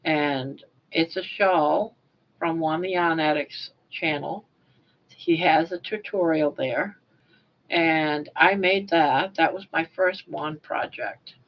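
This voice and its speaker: An older woman with soft, toothless articulation from a sore mouth, chatting casually and a little self-consciously on a livestream in a rambling way. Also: deep voice, slow pace. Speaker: livestream host. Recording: dull lo-fi webcam or phone audio.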